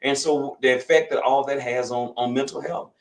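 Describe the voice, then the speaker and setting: A man's voice: medium pitch, fairly even intonation, moderate pace, echoey room, rough recording. Folksy Louisiana man in his fifties. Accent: Southern US, Louisiana. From Louisiana, USA. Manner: folksy, rambling, with frequent repetitions. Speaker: guest, physician. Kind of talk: casual conversational interview.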